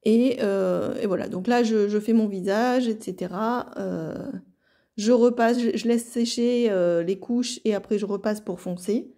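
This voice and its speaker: A French woman calmly narrating a watercolour card tutorial in a casual way, with many fillers and restarts. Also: medium pitch, a little slow. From France. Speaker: card-making artist.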